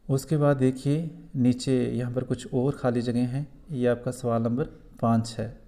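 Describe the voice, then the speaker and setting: A man with a Kashmiri accent takes young students through a school lesson. He explains patiently and says things twice. His voice is warm and mellow at a middle pitch. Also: flat delivery. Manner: patient, repeats points slowly for children. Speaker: teacher.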